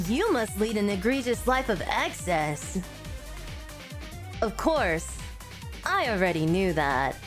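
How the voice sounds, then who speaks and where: A woman's voice: mid-range voice, voice pushed down. A woman voicing a pompous, mustached male hippie cult leader in a game story, speaking in a lofty, preachy way.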